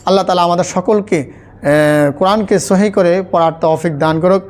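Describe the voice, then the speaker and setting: A man from Bangladesh teaches a Quran spelling lesson, slowly chanting letters and syllables and repeating them in a steady drill. His voice is high-pitched with a clean tone.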